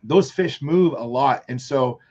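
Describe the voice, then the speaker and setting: A man on a live fishing show, telling long rambling stories with animated quoted asides. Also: mid-range voice, a little slow, dull audio. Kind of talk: casual chat on live show.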